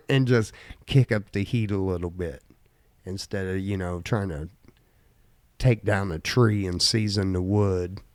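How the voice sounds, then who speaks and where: Casual podcast host: a man with a slight Southern twang, laid-back, reading quiz questions, pitched a bit low, dry sound. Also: a little slow, pauses often, a little mellow, no echo.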